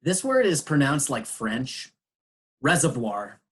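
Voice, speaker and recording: Man, husky voice, patient, teaching English, video call. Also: mid-range voice, lively intonation, measured pace. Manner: patient, explains words with examples. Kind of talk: online English lesson.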